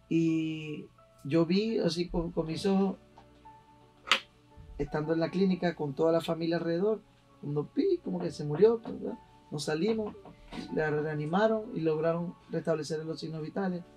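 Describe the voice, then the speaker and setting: A man, a guest in an interview, telling an emotional personal story in an animated, slangy way. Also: a little high, recorded from a distance.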